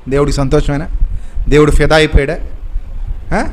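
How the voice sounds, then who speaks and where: A man's voice: on the high side, fairly even intonation, fairly quick. A male preacher delivering a sermon, admonishing his listeners with many rhetorical questions.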